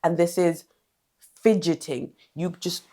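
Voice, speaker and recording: A woman's voice: fairly low pitch, steady tone, unhurried, dark tone. A woman giving direct, emphatic confidence advice in a vlog, repeating short commands. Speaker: confidence coach.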